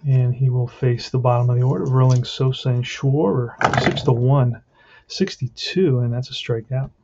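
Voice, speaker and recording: A man's voice: mid-range voice, steady tone, normal speed, gravelly. A man giving casual play-by-play of a tabletop baseball game, thinking aloud as he plays. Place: indoors at a tabletop. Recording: muffled lo-fi, faint noise with clicks.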